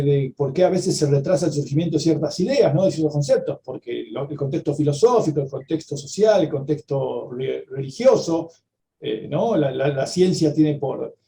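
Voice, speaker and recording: A male interview host sums up what his guest has said, searching for words as he goes. His voice is very dark and mellow, pitched slightly higher than most men's. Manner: summarizes and prompts, hesitant phrasing. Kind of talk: casual conversational interview.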